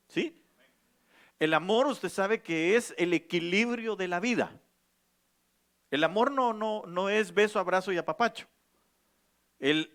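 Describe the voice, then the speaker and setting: Pastor, high voice, preaching in church, gets loud and emphatic. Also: male voice. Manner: asks the congregation questions. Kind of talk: sermon.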